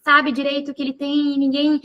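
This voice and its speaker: A woman's voice: high voice, monotone, fairly quick, muffled recording. A woman hosting an interview, talkative and thinking aloud with many fillers. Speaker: podcast host and physiotherapy teacher. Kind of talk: casual interview chat.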